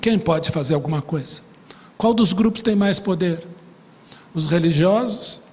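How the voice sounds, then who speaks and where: A man preaching a sermon with a Brazilian Portuguese accent, dramatically retelling a scene and dropping into soft low tones for a desperate father. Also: measured pace. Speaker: pastor. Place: church sanctuary. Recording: long reverb of a church hall.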